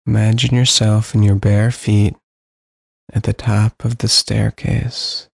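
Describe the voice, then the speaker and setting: A man guiding a sleep meditation, speaking slowly and soothingly with long pauses. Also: on the low side, level tone, vocal fry, breathy edge, no room sound. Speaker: meditation guide.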